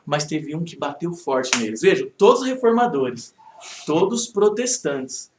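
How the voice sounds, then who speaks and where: A male pastor with a fairly high-pitched voice teaches a Bible study in a lively, conversational way, often checking in with his listeners. The sound is roomy, with a faint hiss behind him. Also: measured pace. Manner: conversational, animated, rhetorical check-ins. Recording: echoey room, faint background noise.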